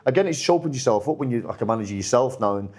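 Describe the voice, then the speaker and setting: A man, a football manager, chats in a casual podcast interview with a middle-pitched voice. He rambles, stumbles over restarts, and livens up whenever he quotes someone. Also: very fast, slightly rough. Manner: rambling, many restarts, animated when quoting others.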